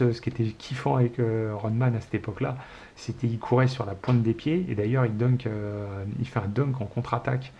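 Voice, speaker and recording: Guy from france in his 40s, gravelly lowish voice, rambly and full of euhs, dull recording w a bit of hiss. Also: warm tone. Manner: rambling, many hesitations, fond and nostalgic. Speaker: show host. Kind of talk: casual solo retro sports chat.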